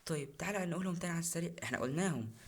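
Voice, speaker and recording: In this recorded exam-prep lesson, a young Egyptian Arabic-accented man explains physics very fast, his voice on the high side with lively intonation. His manner is relaxed and talkative, and he keeps repeating the key terms.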